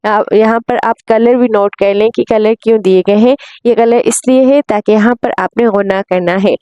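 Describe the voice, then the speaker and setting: A woman's voice: fairly high pitch, steady tone, moderate pace, dark tone, no echo, dull audio. A woman teaching Quran recitation rules, patiently spelling out letters and vowel marks and drawing out the recited syllables. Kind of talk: tajweed lesson.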